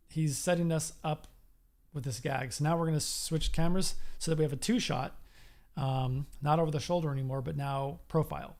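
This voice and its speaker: A man with a fairly high voice and a rough, gravelly edge runs a live animation lesson. He steps through a scene pose by pose, now and then acting out what the character says. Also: darkish tone. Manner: walks through poses step by step, acting out the character's lines. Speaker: animation instructor. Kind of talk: live class breaking down an animated shot.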